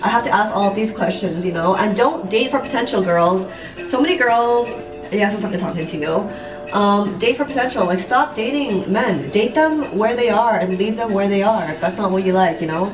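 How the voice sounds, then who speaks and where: Over music, a woman in her late twenties talks at normal speed in a mid-range voice, doing her makeup in her bathroom at home. As a vlogger and online business coach, she shares casual confessions with viewers, rambling slightly, using "like" and "you know" a lot and swearing at times. The camera sits a step or two away, giving an echoey, distant sound.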